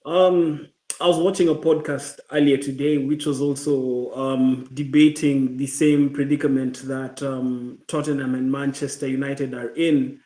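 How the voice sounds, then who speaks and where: Hesitant mellow-voiced man, echoey room. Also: medium pitch, flat delivery, unhurried, few pauses. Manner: hesitant, many ums and restarts. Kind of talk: casual football chat.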